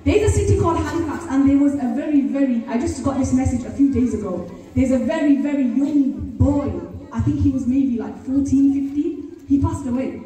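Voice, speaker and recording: High-voiced woman preaching in echoey hall. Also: a little fast, dark tone, far from the mic. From Bradford, England. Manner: earnest, keeps questioning the audience. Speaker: Islamic teacher. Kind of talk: religious talk to a gathering.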